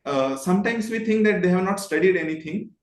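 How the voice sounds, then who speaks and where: Speaking fairly quickly in a high, expressive voice, a man with an Indian accent appears as an interview guest who trains people in voice modulation. He explains politely and vividly, offering illustrative examples. The sound is roomy and echoing.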